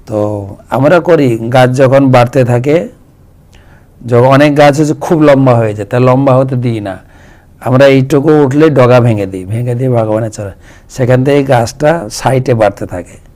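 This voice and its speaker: A man's voice: medium pitch, a little mellow. A man, a monk patiently answering devotees' questions with homely examples. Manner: patient, explains with homely examples and sung chants.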